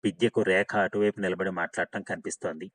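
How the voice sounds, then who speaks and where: A man narrating a novel for an audiobook in a steady, measured reading. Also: low-pitched.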